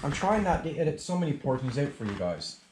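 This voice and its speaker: Quick and very animated, a man with a slightly high voice and a Newfoundland accent hosts a do-it-yourself car repair video in his home garage, with background noise audible. His talk wanders chattily, packed with fillers and restarts.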